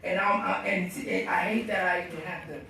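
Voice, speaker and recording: A man's voice: high voice, fairly even intonation, brisk, gravelly, a loud crowd. A man telling a rambling personal story during casual group banter, starting over again and again. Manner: rambling storytelling with many restarts. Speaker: podcast co-host telling a story. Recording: echoey room, distant mic, noisy.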